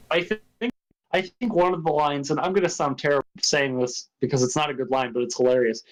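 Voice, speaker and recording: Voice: mid-range voice, fairly quick, rough recording. A co-host of a casual movie podcast, chatty and often laughing while going through notes.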